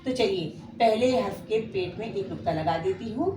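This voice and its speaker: A woman's voice: medium pitch, moderate pace, noisy background. A woman teaching beginners to read Quranic letters, patiently drawing out each letter name for students to repeat, with a Pakistani Urdu accent. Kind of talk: slow beginner lesson, spelling out letters. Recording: echoey room, faint ambience.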